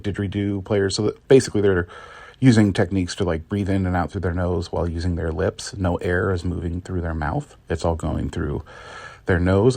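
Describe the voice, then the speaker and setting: A man who teaches music, giving a casual video lesson in a slangy, relaxed way with a bit of swearing. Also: deep voice, gravelly.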